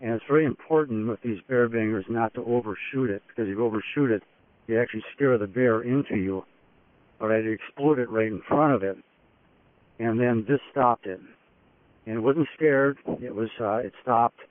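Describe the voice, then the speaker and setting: A man speaks at a middling pitch over a narrow, phone-like radio link with a dry sound. He gives an expedition field report off the cuff, in short, halting phrases. His delivery is matter-of-fact. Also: no room sound. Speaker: expedition explorer giving a daily report. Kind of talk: unscripted first-person field report.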